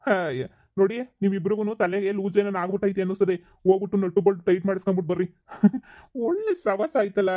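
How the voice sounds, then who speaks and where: A man's voice: high voice, warm tone, dry recording, lightly acted. A man playing a baffled village father. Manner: scolding, incredulous, rambling. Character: bewildered middle-aged village father who forgot family. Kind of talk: village comedy skit.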